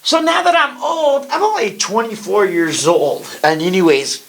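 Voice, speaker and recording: A man's voice: high-pitched, normal speed, gravelly, background noise. A man in his fifties hosting a podcast with casual comic storytelling, profane and rambling, mixing in Spanish slang. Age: 50s. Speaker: podcast host.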